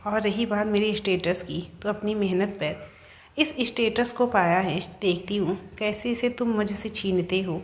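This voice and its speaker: A woman's voice: medium pitch, unhurried, natural voice. A woman voicing a proud, wealthy young wife who answers back angrily, in a narrated story. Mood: defiant. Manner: angry, defiant.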